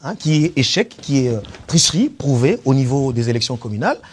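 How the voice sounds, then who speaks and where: A political candidate of Congolese origin argues his case in a web TV debate, his medium-pitched voice husky, sing-song and fairly quick. He's insistent and emphatic, often repeating words.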